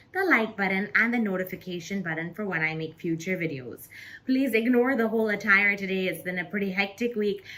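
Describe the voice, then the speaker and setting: Woman, thirties, bright clear voice, chatty video lesson, talks straight to viewers, facing the camera. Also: mid-range voice. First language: English. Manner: chatty, direct address to viewers. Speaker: channel host teaching English. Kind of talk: casual to-camera tutorial.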